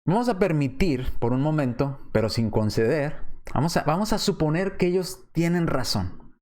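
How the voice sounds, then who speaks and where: A man preacher giving an apologetics lesson, methodical, asking rhetorical questions and repeating his points slowly. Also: a little high, animated, a little mellow.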